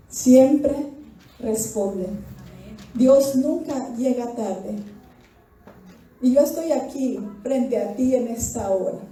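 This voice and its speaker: A woman's voice: fairly high pitch, warm tone. Fervent woman pastor preaching in echoey hall. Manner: preaching fervently, often rising to cries. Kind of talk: sermon. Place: church sanctuary. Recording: very echoey church hall, mic far off.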